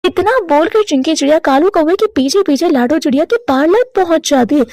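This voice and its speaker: A woman narrating a cartoon story in a steady, scripted storytelling manner. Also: very high voice, fairly quick, dry recording, studio quality.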